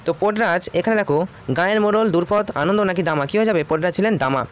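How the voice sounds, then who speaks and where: A man's voice: high voice, racing, slight background noise. A man, teaching by reading out exam questions and repeating each answer.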